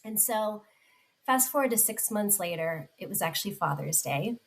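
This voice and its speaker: A woman's voice: mid-range voice, expressive, normal speed, gravelly, poor audio. A woman in her forties, a podcast guest, telling a personal story in a heartfelt way with many restarts. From United States. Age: 40s.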